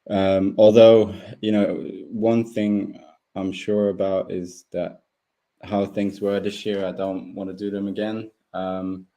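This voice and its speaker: A young German-native speedway rider, appearing as a guest in a casual live interview, speaks slowly in a low, dark, mellow voice. He rambles through the relaxed chat, restarting sentences and leaning on fillers.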